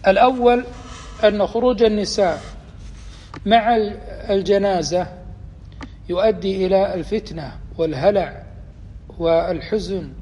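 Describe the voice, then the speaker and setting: A man teaching a religious lesson, explaining deliberately and quizzing his students as he goes. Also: high voice, darkish tone, a little hiss or hum. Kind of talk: explanatory lecture. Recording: long reverb, faint ambience.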